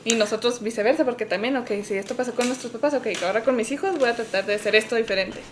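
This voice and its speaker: A woman co-hosting a podcast, telling a personal story and switching between English and Spanish mid-sentence. She rises high and loud when quoting her parents. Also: fast, slight background noise. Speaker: podcast co-host.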